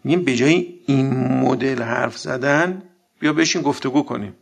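A man giving a sermon, arguing with many rhetorical questions and reciting Quranic verses, swinging between loud outbursts and quiet asides. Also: medium pitch, gravelly. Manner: argumentative, full of rhetorical questions. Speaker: religious speaker.

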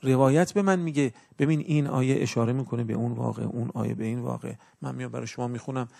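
A man delivers a sermon in a gravelly, slightly rough voice. He teaches earnestly and instructively, his loudness swelling and falling as he makes his points. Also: medium pitch, steady tone. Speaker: religious preacher.

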